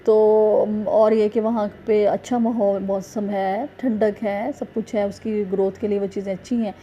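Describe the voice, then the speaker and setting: A woman teacher giving a revision lecture, speaking haltingly with many drawn-out fillers and self-corrections, patiently repeating points and explaining them with examples. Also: medium pitch, flat delivery, warm tone, highs cut off, slight background noise.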